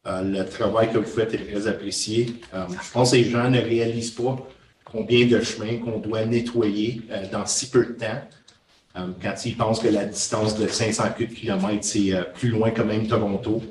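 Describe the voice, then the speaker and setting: A man's voice: on the low side, fairly even intonation, a little mellow, a little hiss or hum. Courteous man chairing a meeting. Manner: measured, courteous, with many hesitations. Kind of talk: formal council proceedings, switching to French. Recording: echoey council chamber, mic at a distance.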